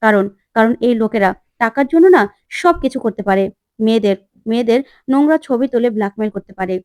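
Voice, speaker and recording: A woman voicing a defiant, sharp-tongued young woman in a retold TV serial, full of challenging questions. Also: on the high side, fairly quick, clear, resonant tone, dry recording, natural voice. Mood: earnest. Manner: challenging, sarcastic.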